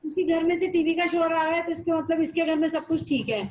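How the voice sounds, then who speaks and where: A woman's voice: very high voice, level tone, fast, darkish tone. A woman asking clarifying questions in a casual discussion. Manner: inquiring, clarifying.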